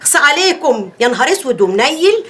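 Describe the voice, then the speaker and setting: Fields: Age: older. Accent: Egyptian. Figure: a shrill meddling old aunt. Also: female voice, very animated, fast talker, bright, forceful tone, heavily acted. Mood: scolding. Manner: shrill, scolding, wailing. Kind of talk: TV drama acting.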